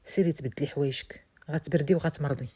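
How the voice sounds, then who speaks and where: A brooding young man speaks in a low, hushed, intimate way, tender yet possessive, as a woman reading a love story puts him on. His Moroccan accent colours every line, and he talks at a brisk clip. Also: husky.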